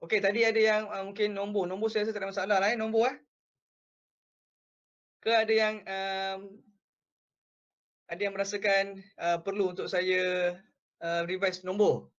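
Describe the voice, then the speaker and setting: A young man teaching a relaxed language class, explaining phrase by phrase and repeating words slowly. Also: sits high, lo-fi sound. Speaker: Mandarin language tutor.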